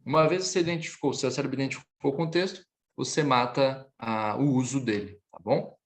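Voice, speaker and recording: A man teaching French in a live online class, patiently explaining and checking in with students. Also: mid-range voice. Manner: patient, repeats phrases slowly, often ends with "tá bom?".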